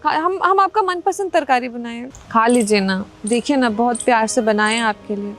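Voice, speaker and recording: Woman doing a worried young wife, begging him to eat, high voice. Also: moderate pace, a bit bright, faint music behind, close to an everyday voice. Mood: pleading. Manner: pleading, coaxing. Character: anxious devoted young wife bringing lunch. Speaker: actor in a comedy skit.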